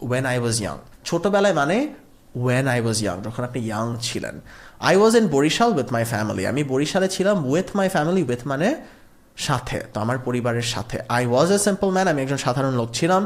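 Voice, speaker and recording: A man teaching spoken English. He says example sentences slowly and clearly, then explains them in Bengali. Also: mid-range voice. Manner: lively, sing-song emphasis.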